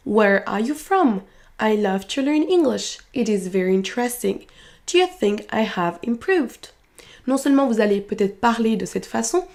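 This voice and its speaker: A French-speaking woman teaching English pronunciation, explaining clearly and modeling English phrases slowly with strong stress. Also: on the high side, darkish tone. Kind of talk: French-language pronunciation lesson.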